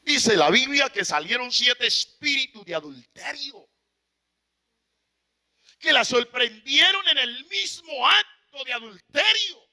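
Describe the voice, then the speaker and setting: A man preaching an impassioned sermon, swinging from loud exclamations to hushed, pleading asides. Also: very high-pitched.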